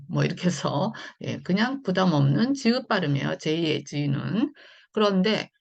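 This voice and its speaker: A woman teaching English phonics in an online lesson, talking slowly and patiently with many fillers. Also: on the low side, creaky, darkish tone.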